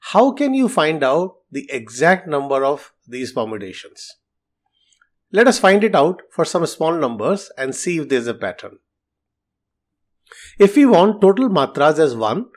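A man hosting a podcast, explaining math in a calm, methodical, teacherly way. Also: on the high side.

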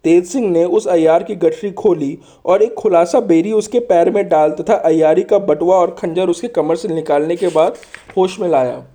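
High-pitched male storyteller, softly mellow. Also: normal speed. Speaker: audiobook narrator and host. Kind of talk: scripted story narration.

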